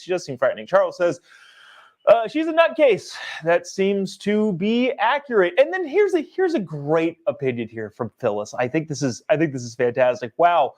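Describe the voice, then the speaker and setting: A young man hosts a political livestream in a loose, conversational way. His pitch swings widely and sits a bit high, and he reads viewer comments aloud with animated reactions. He sounds energetic and chatty. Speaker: livestream host.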